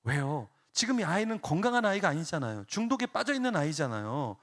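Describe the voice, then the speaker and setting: A man preaching at a parents' seminar in a church, acting out parents and children in quick quoted lines and rising into fervent prayer. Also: on the high side, very animated. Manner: rises to loud fervent prayer. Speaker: pastor. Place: church hall.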